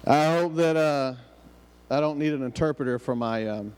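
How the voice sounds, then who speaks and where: A man's voice: a little high, normal speed, darkish tone, smooth. A man with a Southern US hillbilly accent preaching a sermon with emphatic repetition and rhetorical questions. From southern United States. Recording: reverberant hall.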